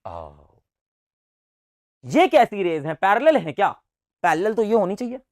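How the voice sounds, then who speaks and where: A man's voice: sits high, big pitch swings, a little slow, dry recording. A man teaching a science class in a playful, sing-song manner, with a voice that leaps up and down. He keeps repeating key words, quizzing his students and making sound effects. The sound is close and dry.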